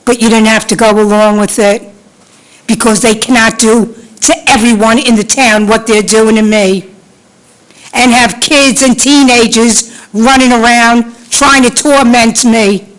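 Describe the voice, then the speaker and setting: A woman's voice: a little high, fairly even intonation, a little slow, rough recording. A woman in her sixties speaking as a resident at a city council meeting's public comment, indignant and pleading, repeating her demands for an answer. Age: 60s. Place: council chamber.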